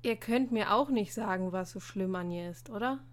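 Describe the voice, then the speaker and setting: A woman's voice: medium pitch, normal speed, lightly acted. A woman reading a story aloud and voicing an exasperated teenage schoolboy who answers in irritated, sighing replies. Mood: annoyed.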